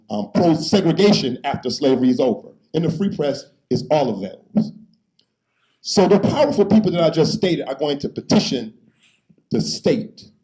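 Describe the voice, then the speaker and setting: Man with a dark voice lecturing. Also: medium pitch, poor audio. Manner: conversational, emphatic, repeats phrases, acts out voices of historical figures. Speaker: local historian giving a public talk. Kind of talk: public history lecture. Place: lecture room before a live audience.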